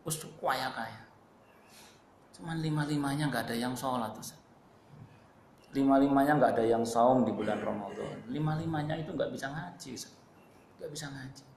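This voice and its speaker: A man quoting a remorseful old man in his seventies who confides softly and plaintively. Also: medium pitch, moderate pace, gravelly, pauses often, crowd noise, lightly acted. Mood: regretful. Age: 70s. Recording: echoey hall with faint ambience.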